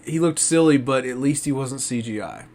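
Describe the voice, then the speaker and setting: A man co-hosting a casual podcast, talking in a relaxed, agreeable way. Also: mid-range voice, normal speed. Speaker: podcast co-host. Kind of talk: casual chat.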